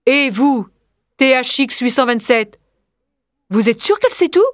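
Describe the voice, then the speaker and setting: A woman's voice: high-pitched, expressive, unhurried, dry recording, clean studio sound. A woman reading the lines of a cold, grey male school principal, curt and commanding. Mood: demanding.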